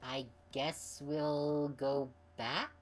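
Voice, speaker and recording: A woman streamer with a deep, fairly even voice offers casual, wry let's-play commentary while playing a game, speaking extremely slowly. Game music plays behind her, along with slight background noise.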